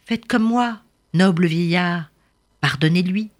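A woman voicing a gentle young island girl who talks in a high, soft, pleading voice in a storybook tale. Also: takes it slowly.

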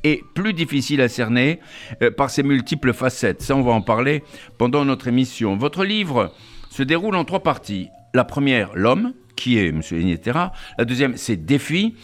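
A man's voice: medium pitch, sing-song, normal speed, faint music behind. A man hosting a radio interview show, formally reading out a long introduction of his guest with some hesitations. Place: radio studio.

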